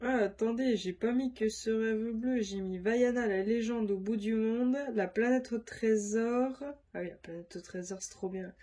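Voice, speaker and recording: A woman's voice: a little high, darkish tone, slight background noise. A woman vlogger chatting casually to camera, her voice nasal from a stuffy nose, rambling with many fillers. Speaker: crafts vlogger.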